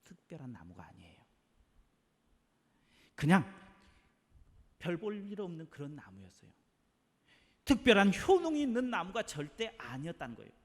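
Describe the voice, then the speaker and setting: Male pastor, somewhat high voice, dramatic sermon delivery, long hall reverb. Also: big pitch swings, normal speed, pauses often. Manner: dramatic, swinging between hushed asides and loud emphasis. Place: church sanctuary.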